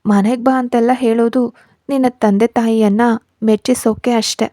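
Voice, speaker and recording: Coaxing scheming young woman, read by a woman, fairly high, mellow tone, dry close sound, storybook. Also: steady tone, normal speed, no echo, lightly acted. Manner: coaxing, self-satisfied.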